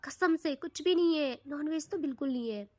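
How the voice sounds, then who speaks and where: A woman's voice: sits high, moderate pace, mellow, dry recording, clean studio sound, close to an everyday voice. A woman voicing a possessive, doting young woman in love, teasing and affectionate.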